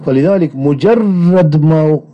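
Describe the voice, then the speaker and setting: A man delivering a religious lecture on creed in a measured way, often pausing on drawn-out hesitation sounds. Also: fairly high pitch. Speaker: religious teacher. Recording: dull lo-fi recording.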